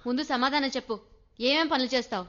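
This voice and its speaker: A woman's voice: high voice, fast talker, a bit bright, highs cut off, faint music behind. A woman dubbing a stern lady curtly questioning a new servant. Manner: questioning, curt.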